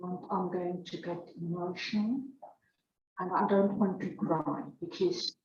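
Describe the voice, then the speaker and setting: A woman whose first language is Afrikaans gives a personal testimony as a church member in a church hall, speaking slowly in a mellow, fairly low voice with a steady tone. She is halting, self-correcting and emotional, and the recording is echoey from a distant, dull mic with slight background noise.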